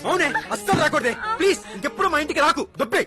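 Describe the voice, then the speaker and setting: A man's voice: very high-pitched, expressive, loud music behind the voice. An actor playing an irritable young policeman who snaps at his fiancée and uncle. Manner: irritable, brusque, rapid. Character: harried young policeman hiding a problem at home.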